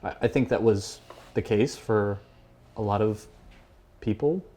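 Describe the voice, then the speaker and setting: A man with a fairly low voice hosts a relaxed podcast chat. He speaks in a laid-back, halting way, often agreeing and searching for his words. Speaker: podcast host. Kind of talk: casual podcast conversation.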